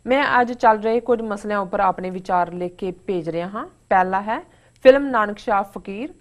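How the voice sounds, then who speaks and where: A woman co-host reads a viewer's letter aloud on air in an earnest, measured way. Her voice sits in a middle range. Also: medium pitch.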